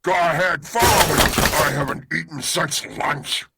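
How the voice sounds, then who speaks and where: A savage mutant crocodile man for a superhero audio drama. The voice is strained high and thick with gravel, menacing and monstrous, over loud noise. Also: moderate pace. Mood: threatening. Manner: menacing, shouted threats. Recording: noisy recording with clicks.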